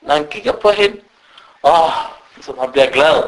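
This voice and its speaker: A man giving an animated sermon as a preacher, breaking into recited Arabic quotations. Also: on the high side, rough recording. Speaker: Islamic preacher.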